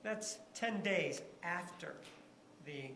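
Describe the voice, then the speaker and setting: Speaking slowly in a medium, fairly bright voice, a lawyer conducts a cross-examination in a big indoor courtroom that echoes, with faint noise in the background. His or her pointed, leading questions often close with a quick tag insisting the witness agree.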